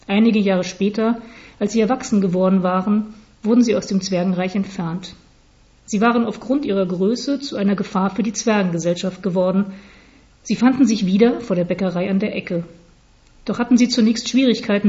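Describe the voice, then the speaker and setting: Woman narrator, deadpan story reading, mellow dark voice, slightly dull recording. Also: mid-range voice.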